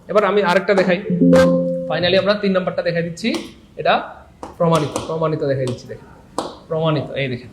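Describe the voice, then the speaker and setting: A man's voice: sits high, echoey room, background noise. A man teaching English grammar in a playful, teasing live lesson, often repeating his words.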